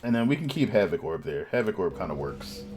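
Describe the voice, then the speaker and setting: Low-voiced man commenting on gameplay. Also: fairly quick, a little hiss or hum. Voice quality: relaxed, thinking aloud with fillers. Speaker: gameplay streamer. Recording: voice over game audio and music. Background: game music.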